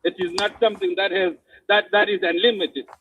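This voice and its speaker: A South Sudanese man giving impassioned political commentary, forceful and repetitive, often stumbling over his words. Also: sits high, steady tone, a little fast, slightly rough, dry recording. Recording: tinny phone line, dry.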